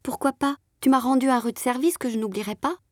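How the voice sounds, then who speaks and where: A woman voicing a young, worn former country servant girl in a hushed, confiding whispered role-play, using rustic turns of speech. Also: high voice, steady tone, a little fast, no echo, studio quality. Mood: coaxing.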